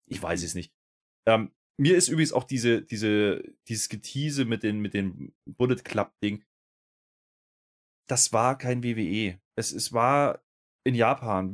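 Measured man, critical podcast talk. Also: mid-range voice. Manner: critical, measured, hesitant with fillers. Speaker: podcast co-host reviewing wrestling. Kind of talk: casual chat.

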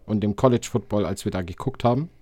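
A man with a German accent co-hosting a football podcast in relaxed casual chat, friendly and easygoing. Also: lowish voice, fast, no echo. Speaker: podcast co-host.

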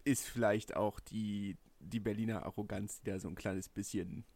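A man co-hosts a casual podcast, chatting in a light-hearted, anecdotal way. His voice sits low, and the recording is dry and close with no room sound. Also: steady tone, normal speed, a little mellow, no echo. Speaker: podcast co-host.

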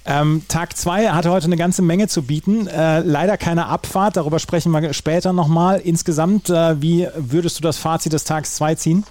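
A man's voice: fairly high pitch, steady tone, normal speed, hardly any pauses, a little mellow, no room sound. A man hosting a sports podcast, talking through results in fluent German with occasional fillers and restarts. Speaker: podcast host.

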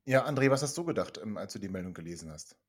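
A man's voice: fairly low pitch, sing-song, quick pace. A man from Germany hosting a casual football podcast and handing questions to his co-hosts. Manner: leads the round, passing questions to co-hosts. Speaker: podcast host.

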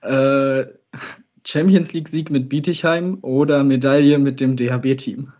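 A man's voice: mid-range voice, steady tone, a little slow, a little mellow. A man interviewing a guest, asking questions with friendly hesitation and fillers. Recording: slightly muffled recording.

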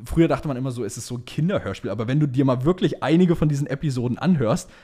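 A young adult man from Germany, partly raised in Dubai, co-hosts a podcast, chatting casually with lots of youth slang and strong opinions. He talks at a racing pace in a warm, medium-pitched, slightly rough voice.

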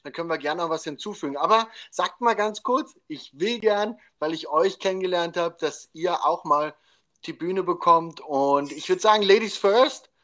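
A man hosts his football talk show in an upbeat, slangy way, tossing in English phrases. His voice sits fairly high for a man. He talks casually and keeps the energy up. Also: moderate pace, pushed and bright. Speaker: podcast host. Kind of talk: casual chat.

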